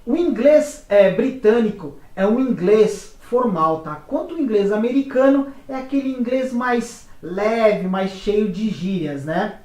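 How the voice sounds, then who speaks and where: A woman's voice: mid-range voice, animated, measured pace, hardly any pauses, mellow, distant mic. A woman co-hosting a casual explainer chat, talking loosely with frequent fillers. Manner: chatty, uses fillers like "tá" and "né". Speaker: co-host. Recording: echoey room, away from mic.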